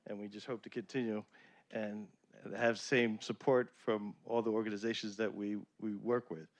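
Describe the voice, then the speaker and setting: A man speaking as president of a community group, halting and repeating words as he addresses a school board meeting. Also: on the low side, level tone, slight background noise. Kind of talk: public address.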